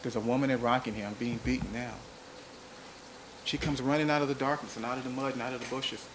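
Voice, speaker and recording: Prosecutor, male, mid-range voice; slow, deliberate jury address with repeated phrases, in a hissy old courtroom recording. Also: mid-range voice, steady tone. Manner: measured, deliberate, emphatic repetition. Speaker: trial prosecutor. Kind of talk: courtroom opening statement. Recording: noisy archival courtroom audio.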